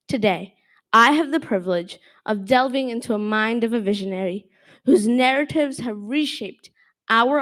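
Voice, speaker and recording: Earnest woman moderator, bright-pitched. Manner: earnest and admiring, slightly halting. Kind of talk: reading an introduction, then asking interview questions.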